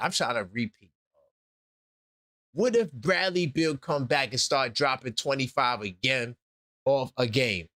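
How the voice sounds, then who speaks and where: A man's voice: a little high, bright, forceful tone, no room sound, clean studio sound. A man in his forties hosting a sports talk show, emphatic and repeating his points. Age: 40s. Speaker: host.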